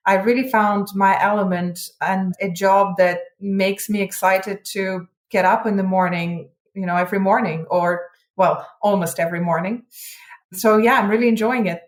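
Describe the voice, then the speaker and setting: A woman in her thirties, raised in Russia, answers interview questions in an articulate, upbeat way, with the odd filler word. Her voice sits at an ordinary middle pitch. The room around her gives a noticeable echo. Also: steady tone, moderate pace. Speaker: guest, hedge fund head of research. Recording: roomy echo.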